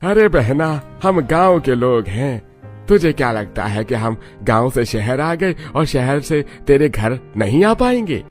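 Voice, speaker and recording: A man's voice: mid-range voice, expressive, unhurried, close to an everyday voice. Folksy village uncle, cheerful; a man voices him; faint music bed. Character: village men and a vegetable seller.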